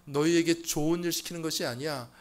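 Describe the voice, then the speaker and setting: A man's voice: fairly high pitch, fast, pitched above the performer's own voice, natural voice. A man voicing a sly male devil who coaxes listeners into doubt, in a sermon. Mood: insinuating.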